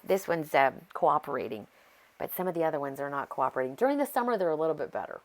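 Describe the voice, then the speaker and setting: With a congested, sore-throat voice that sits low, swings widely in pitch, and moves quickly, an American woman hosts a craft video. She narrates the process in a chatty, rambling way and gets sidetracked easily.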